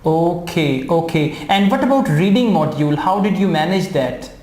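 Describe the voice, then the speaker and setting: A man's voice: a little high, animated, normal speed, a little mellow. A man with a Pakistani accent hosting an interview by call, politely asking questions and saying okay after each answer. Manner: polite, repeats short acknowledgments. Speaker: IELTS trainer and host. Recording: roomy echo.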